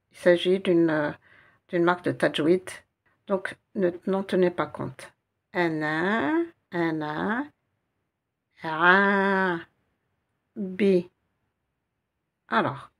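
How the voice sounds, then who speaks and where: A woman patiently teaching Arabic reading, spelling out letters and repeating syllables slowly. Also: fairly low pitch, creaky, a little mellow, breathy edge. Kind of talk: guided reading lesson.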